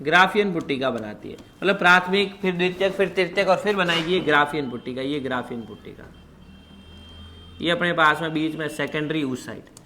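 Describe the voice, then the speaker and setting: A man's voice: on the high side, lively intonation, fairly quick, sharp tone, a little hiss or hum. A man giving a biology class lecture, quizzing his students with constant questions and calling them "child". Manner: calls students "child" affectionately. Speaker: biology teacher.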